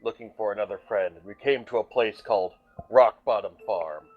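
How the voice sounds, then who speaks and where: A man playing a measured adventurer who formally recounts a quest in a deliberate storyteller's manner in a tabletop game. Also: on the low side, narrow, tinny audio, faint music behind, close to an everyday voice. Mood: solemn.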